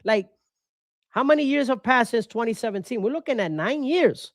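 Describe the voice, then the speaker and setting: Passionate sports host. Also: male voice, very high voice, expressive, moderate pace, dry recording, studio quality. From Puerto Rico. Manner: passionate, switches into Spanish, repeats points for emphasis. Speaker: baseball podcast host. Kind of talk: opinionated solo commentary.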